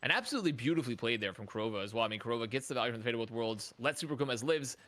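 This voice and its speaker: A man casting an esports match, giving energetic play-by-play and joking analysis. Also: medium pitch, rapid-fire. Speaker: esports caster.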